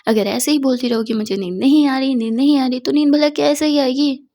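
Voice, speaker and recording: A woman's voice: sits high, a little fast, warm tone. A woman voicing a playful, affectionate young woman in a told story, who teases and coaxes. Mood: coaxing. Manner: teasing, coaxing.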